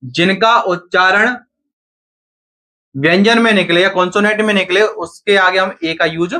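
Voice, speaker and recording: A man's voice: high voice, unhurried, sharp tone. A man teaching a grammar lesson to a class, often asking students questions and then answering them himself.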